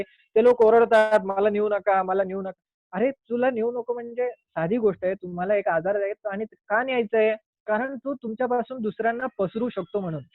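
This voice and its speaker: A man's voice: high-pitched, no room sound. Doctor guy explaining health stuff, earnest, dry close sound, tinny phone-like audio. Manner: earnest, explanatory, acts out little quoted scenes. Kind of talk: health talk.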